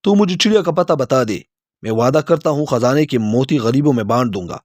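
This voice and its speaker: A man voicing a greedy, hot-tempered king who shouts commands in a storybook tale. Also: medium pitch, expressive, no room sound, studio quality, natural voice. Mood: eager. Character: greedy, furious male king barking orders.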